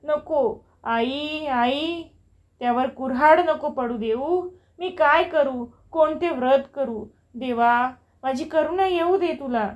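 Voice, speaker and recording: A woman's voice: high-pitched, takes it slowly. A woman voicing a mother who fervently implores the gods to spare her husband, in a storybook reading. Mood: pleading prayer.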